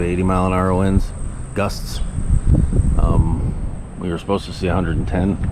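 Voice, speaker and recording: Very deep-voiced man vlogging outdoors, noisy. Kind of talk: casual outdoor vlog narration. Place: outdoors, walking around a residential property. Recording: loud outdoor ambient noise.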